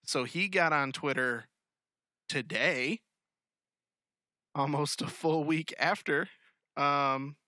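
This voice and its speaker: A man with an American accent co-hosting a podcast in casual comedic chat, animated, joking and freely swearing. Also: on the high side, takes it slowly, long pauses, no room sound, clean studio sound. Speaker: podcast co-host.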